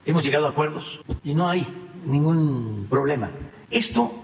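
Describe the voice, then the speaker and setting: A Mexican man giving a press conference as president, speaking in a measured way with frequent pauses and fillers. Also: a little high, expressive, creaky. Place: large conference hall. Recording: long hall reverb, faint background noise.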